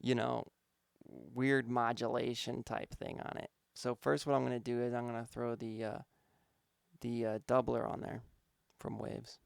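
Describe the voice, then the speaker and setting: A man's voice: mid-range voice, little pitch movement, normal speed, creaky, clean tone, no echo, clean studio sound. A man, a music producer, casually walking through his vocal mixing steps, thinking aloud with some fillers. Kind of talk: casual instructional walkthrough.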